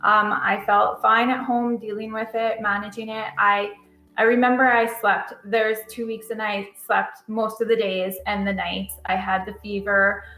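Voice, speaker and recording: Woman in her thirties, halting. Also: medium pitch, level tone, bright, forceful tone, echoey room, faint music behind, poor audio. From Canada. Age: 30s. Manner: hesitant, halting retelling. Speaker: interviewee. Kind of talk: recalling illness in an interview.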